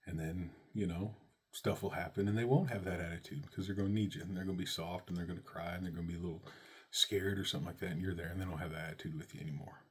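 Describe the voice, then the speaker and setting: A father tells a personal story in a very low, husky voice. He is an animated storyteller, and his voice leaps high whenever he exclaims. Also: quick pace.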